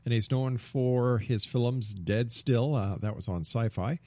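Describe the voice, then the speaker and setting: A man's voice: mid-range voice, unhurried, dark tone, no echo. A man hosting a radio show in a polished, emphatic announcer style. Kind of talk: polished broadcast introduction and interview. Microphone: close studio microphone.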